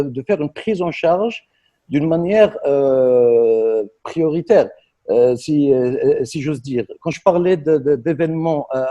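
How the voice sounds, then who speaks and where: A man on a video call argues his point with conviction. His voice is slightly high but mellow and husky. He keeps stumbling into restarts as he pushes ahead. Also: lo-fi sound. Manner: emphatic, with stammered restarts. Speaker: panel guest. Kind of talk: impassioned conversational argument.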